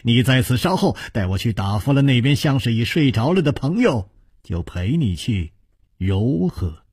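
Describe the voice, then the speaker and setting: A man voicing a carefree, witty young male hero who speaks in an easy, amused, low voice. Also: big pitch swings, normal speed, a little mellow, husky, no echo, studio quality. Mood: amused, easygoing.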